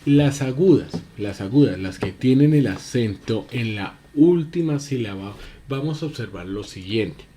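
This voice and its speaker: A man teaching a spelling lesson, halting, with many fillers and restarts. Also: on the low side, expressive, warm tone, slight background noise.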